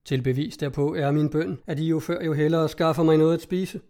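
Man voicing a young gentleman, formal, polite, warm higher voice. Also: fairly even intonation, lightly acted. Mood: courteous.

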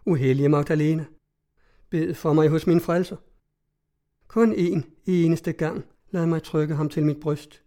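A man voicing a lovesick young woman who pleads in fervent, slow prayer. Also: fairly high pitch, fairly even intonation, dark tone, close to an everyday voice. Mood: fervent pleading.

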